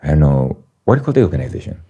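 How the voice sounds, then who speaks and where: A man hosting a casual podcast conversation, relaxed and answering with quick affirmations. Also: extremely low pitch, slightly rough, highs cut off. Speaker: host.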